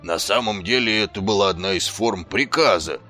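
A man's voice: on the low side, normal speed, sharp tone, soft background music, voice pushed down. A man voicing a nervous middle-aged male sergeant who frets and hisses. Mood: anxious. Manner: fretful, hissing.

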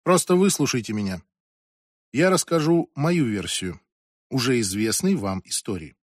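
A woman's voice: very deep voice, lively intonation, moderate pace, no echo, studio quality. A man reading an audiobook and voicing a strict, imperious ex-senator in her eighties who talks in a commanding, impatient way. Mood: composed. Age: 80s. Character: strict imperious old woman, former senator.

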